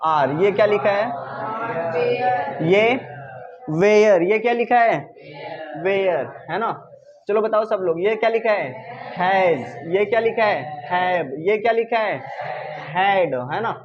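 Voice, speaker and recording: A male teacher running a reading drill for his class, quizzing them with repeated call-and-response questions and coaxing and teasing them to answer louder. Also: sits high, slow, long pauses, a crowd in the background. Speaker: English teacher. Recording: slightly dull lo-fi recording.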